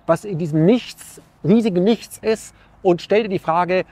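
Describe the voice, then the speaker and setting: An interview guest muses on life in reflective philosophical talk, earnest and searching, full of rhetorical questions and restarts. His voice is high and dark-toned, with a measured pace.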